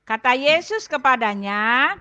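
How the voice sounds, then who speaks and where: Her voice high, bright, and forceful, with lively intonation and an unhurried pace, a church elder shares testimony. She explains scripture informally, musing aloud while she looks up verses.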